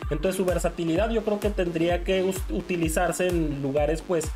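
A man's voice: high-pitched, steady tone, moderate pace, darkish tone, faint music behind. A man in his thirties with a Mexican accent, chatting casually and expressively through a perfume review at home. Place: small home room, indoors.

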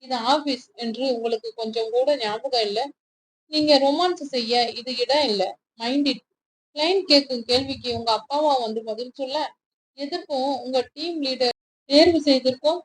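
A woman's voice: high-pitched, normal speed, rough recording. A woman voicing a stern young male boss. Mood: scolding. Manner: harsh, scolding.

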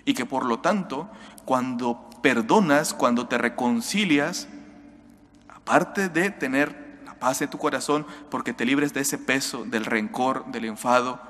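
A man's voice: mid-range voice, fairly bright tone. A man in his thirties, a priest with a Spanish accent, giving an earnest homily from a church lectern microphone. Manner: earnest, exhorting, direct address to listeners. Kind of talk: homily at daily Mass. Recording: church reverb.

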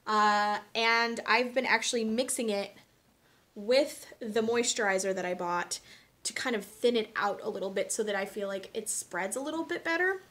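A woman's voice: mid-range voice, normal speed, a bit bright. A young woman chatting casually through her daily beauty products, frank and talkative with lots of ums and side remarks. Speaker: beauty vlogger. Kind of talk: casual product review chat.

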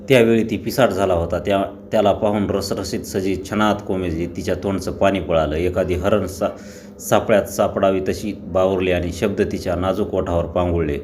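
Deep-voiced male story reader. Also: slight background noise. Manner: steady, deliberate reading with small restarts. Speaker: story narrator. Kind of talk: reading a Marathi short story aloud.

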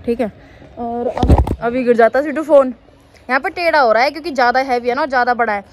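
A woman's voice: fairly high pitch, fast, roomy sound, background noise. A young woman chatting casually in a family vlog, often checking "है ना?" with her partner. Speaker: vlogger.

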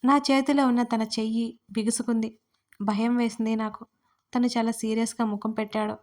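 Higher-voiced woman narrating an audio romance. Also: normal speed. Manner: lively, emotional storytelling with acted dialogue. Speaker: writer and narrator of audio stories.

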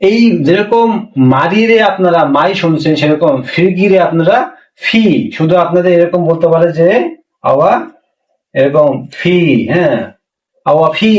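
A man giving a casual spoken language lesson, repeating phrases slowly and filling pauses with small asides. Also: a little high. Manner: slow, repetitive drilling of phrases with many fillers. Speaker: language teacher. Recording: echoey room, voice from a distance.

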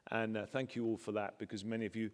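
A man on a conference panel, giving thoughtful, measured remarks with some fillers. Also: lowish voice, little pitch movement. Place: large conference hall stage. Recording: reverberant conference hall.

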